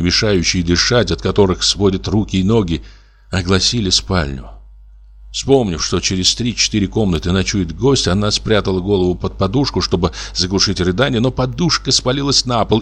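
A man with a lowish voice reads classic fiction aloud at an even, measured pace. His narration is expressive, with the mood carried by his delivery. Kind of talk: audiobook reading of classic fiction.

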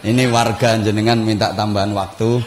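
Lively preacher, sound effects. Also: male voice, on the low side, fairly quick, a little hiss or hum. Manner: animated, makes sound effects, rhetorical questions to the audience. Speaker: preacher at a public religious gathering. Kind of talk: humorous sermon to a crowd.

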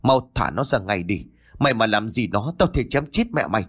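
A man's voice: on the low side, animated, moderate pace, husky. Man voicing a desperate poor father. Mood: furious. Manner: shouting in anger, then begging.

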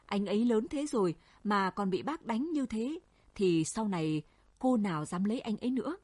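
A woman reading a storybook voices a gentle young village man coaxing a frightened friend home, with a husky voice. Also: medium pitch, animated, moderate pace, no echo. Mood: pleading. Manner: soft pleading reasoning.

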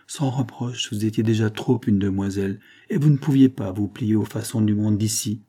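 A man's voice: fairly low pitch, moderate pace, close to an everyday voice. A man reading a novel aloud, voicing a big, kindly peasant charcoal-burner who speaks plainly and sighs. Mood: gentle, rueful. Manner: plain-spoken, gentle, sighing. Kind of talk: audiobook reading.

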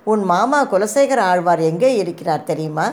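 A woman voicing a calm hunter woman of the forest who speaks in riddles and prophecies in a storybook reading. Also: on the low side, moderate pace, close to an everyday voice. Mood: cryptic.

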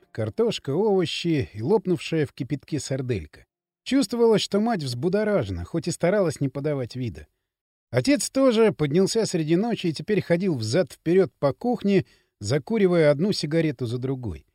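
A man reading an audiobook in an expressive narration style. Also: no room sound, studio quality. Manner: expressive reading with quick pitch swings. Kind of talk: scripted narration.

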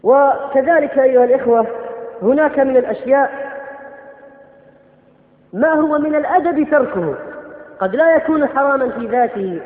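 A man's voice: very high-pitched, normal speed, pauses often. A man preaching a sermon, correcting common phrases and repeatedly addressing his listeners as brothers. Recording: tinny lo-fi recording in an echoey hall.

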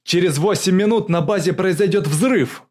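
A man voicing a desperate male special forces officer who shouts urgent orders. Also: medium pitch, fairly even intonation, normal speed, close to an everyday voice. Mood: urgent, shouting.

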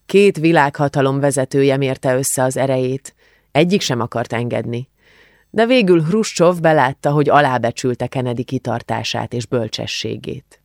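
A man reading an audiobook with a Hungarian accent in measured, even storytelling. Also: medium pitch, no echo, clean studio sound. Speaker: audiobook narrator. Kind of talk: scripted narration.

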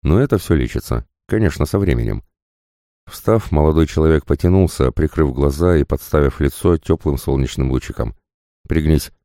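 A male audiobook narrator with a remarkably deep, dark voice. He tells the story at a measured, steady pace. The sound is dry and close to the mic. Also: dry recording. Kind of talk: scripted narration.

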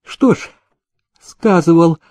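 A man voicing a merry, bold young village girl who speaks calmly in a playful, sing-song way, in a storybook reading. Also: mid-range voice, a little slow. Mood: teasing.

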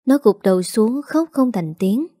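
A woman narrating an audio story in an even, measured way. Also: on the high side, no echo, clean studio sound.

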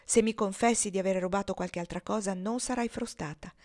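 A woman's voice: mid-range voice, fairly even intonation, a little fast, a little mellow, natural voice. A woman reading aloud, voicing a stern, indignant spinster governess who scolds sharply. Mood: scolding.

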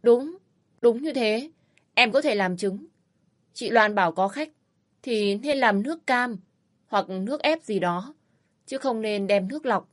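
A woman's voice: fairly high pitch, measured pace, pauses often, pitched above the performer's own voice. A woman doing a fawning two-faced young woman. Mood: wheedling. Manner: wheedling, flattering.

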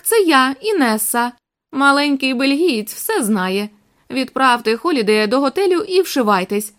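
A scheming countess who speaks with cool composure, as a woman narrator reads her. The voice runs high with wide pitch movement. It is an audiobook reading.

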